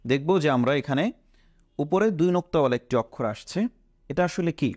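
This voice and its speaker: A man's voice: a little high, a little fast, darkish tone, dry recording. A man teaching the Arabic letters in a patient lesson, quizzing the viewers and stressing each letter name. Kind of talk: Quran alphabet lesson.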